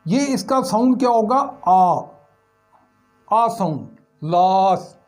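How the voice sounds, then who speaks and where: A man's voice: high voice, animated, measured pace. A male English teacher giving a recorded lesson on pronunciation, asking questions and answering them himself while repeating the key sounds.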